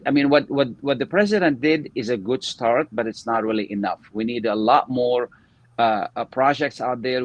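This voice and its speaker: A man speaking earnestly in an interview discussion, repeating words as he thinks. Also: mid-range voice.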